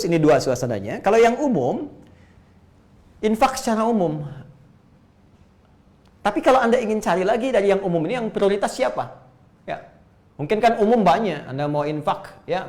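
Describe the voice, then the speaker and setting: A man giving a religious lecture as a preacher, animated and rhetorical, with quick jokes and questions to the audience and repeated phrases for emphasis. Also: fairly high pitch. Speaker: Islamic preacher.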